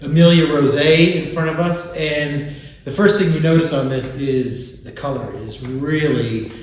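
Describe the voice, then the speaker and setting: A man hosts and presents a wine tasting, explaining the products informatively and conversationally, mixing in casual tasting chat and often checking whether listeners agree. His voice is on the high side, fairly even and measured, but the audio is poor, with a little hiss or hum.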